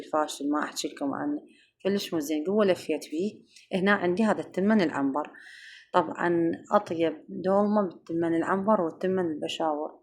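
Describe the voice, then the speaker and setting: A woman's voice: deep voice, slight background noise. A woman with an Iraqi accent chatting to her viewers in a casual home cooking vlog, calling them girls and sweethearts. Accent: Iraqi Arabic. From Iraq.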